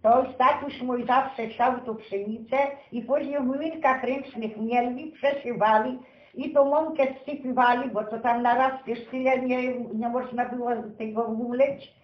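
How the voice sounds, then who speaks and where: Reminiscing about growing up in a village, a woman aged seventy or more tells stories off the cuff, using many diminutives in a folksy way. She speaks slowly in a high pitch with fairly even intonation, recorded in a roomy, somewhat dull space.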